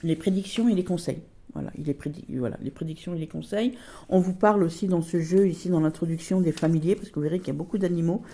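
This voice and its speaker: A woman chatting casually in a show-and-tell vlog about her tarot collection, gushing over each item and filling pauses with repeated fillers. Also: lowish voice, dark tone. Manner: chatty, fills pauses with repeated "voilà" and "euh". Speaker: tarot collector and video creator.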